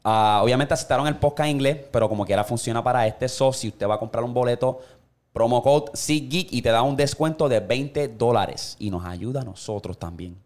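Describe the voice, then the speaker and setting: A man's voice: mid-range voice, a little fast. A man with a Puerto Rican accent hosting a podcast in casual, slangy chat, reading the sponsor spot himself. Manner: relaxed, slangy, reads ad spots himself. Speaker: podcast host.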